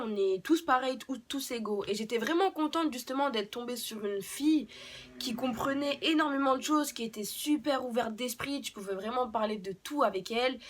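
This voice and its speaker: Young woman vlogger, storytime to camera, halting delivery with lots of fillers, a touch high-pitched. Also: a bit bright. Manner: hesitant, many fillers and restarts. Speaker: beauty vlogger. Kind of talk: unscripted storytime.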